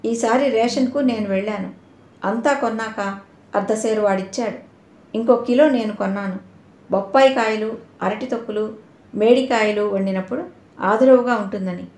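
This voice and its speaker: A woman voicing a bold, caring young woman who looks after the children, speaking gently and reassuringly. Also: fairly high pitch, normal speed, pauses often, natural voice. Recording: roomy echo.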